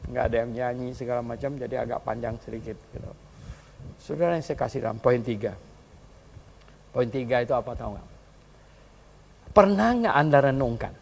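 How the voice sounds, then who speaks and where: A male pastor preaching a sermon in a colloquial style. He tells a story and often chuckles, and he swings between quiet asides and loud calls to the congregation. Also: mid-range voice, gravelly, a little hiss or hum. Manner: colloquial, chuckles while telling stories.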